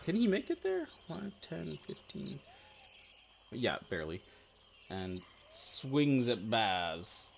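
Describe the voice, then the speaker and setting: A man narrating a tabletop game as dungeon master, hesitant and unhurried, often laughing. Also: medium pitch, huge pitch swings, creaky, a little hiss or hum.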